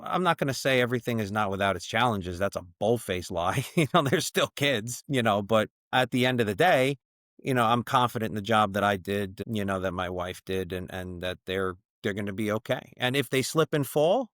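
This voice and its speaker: A chatty middle-aged brewery founder, born in Chile and raised in the US, is a guest in a casual conversational podcast interview. His low voice is fairly quick, with a dry sound and no room echo. He tells stories with many "you know" fillers and grows animated when quoting people.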